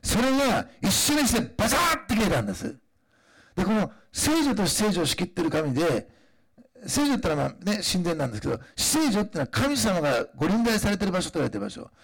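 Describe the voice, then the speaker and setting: A man preaching a sermon in a conversational way, pausing often with fillers and then rising into emphatic declarations. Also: high-pitched, very animated, creaky, husky. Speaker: pastor.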